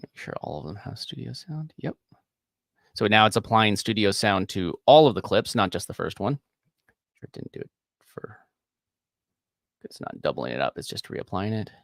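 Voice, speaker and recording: Low-voiced man hosting a live editing tutorial. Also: very animated, fairly quick, creaky, no echo, clean studio sound. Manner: casual, rambling, chuckles often. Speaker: host.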